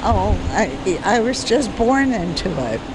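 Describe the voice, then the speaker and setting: A woman's voice: medium pitch, sing-song, a little slow. An older woman giving casual interview answers at an art fair. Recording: noisy room ambience.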